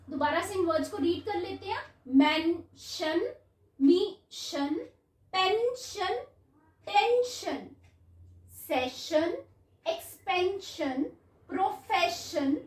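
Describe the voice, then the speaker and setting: Woman teacher doing a kids phonics lesson, slow and drawn out, sounds each bit of the word. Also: very high-pitched, reverberant. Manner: slowly sounds out syllables, calls the kids beta. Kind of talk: online phonics lesson for children.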